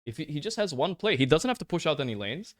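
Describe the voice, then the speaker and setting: A man's voice: a little high, big pitch swings, fast. A man streaming to his chat, frustrated, repeating "like, bro" and swearing freely while he reviews a match recording. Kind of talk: casual chat to stream viewers. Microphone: headset or desk mic, turned up high.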